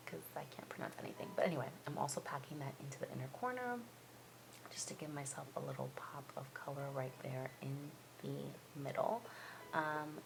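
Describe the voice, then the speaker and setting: Low, creaky, muffled woman vlogger. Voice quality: slightly muffled. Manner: chatty, self-deprecating, apologetic. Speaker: beauty vlogger. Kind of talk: casual makeup tutorial voice-over. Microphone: basic mic, not a good one. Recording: muffled cheap mic, loud music behind. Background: loud music.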